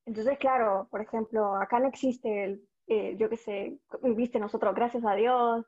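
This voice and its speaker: A woman's voice: fairly high pitch, a little slow, breathy edge. A Salvadoran woman chatting casually as a guest, telling stories and acting out what people said. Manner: chatty, animated storytelling with quoted voices. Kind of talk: casual chat. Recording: dull lo-fi audio.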